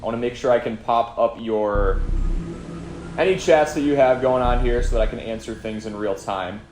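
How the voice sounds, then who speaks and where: A man's voice: mid-range voice, moderate pace, darkish tone, slight background noise. A man hosting a casual live stream, chatting with viewers and answering their comments as he plays, with an echoey room sound and no headset. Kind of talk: casual live-stream chat while gaming. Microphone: no headphones, audio through device.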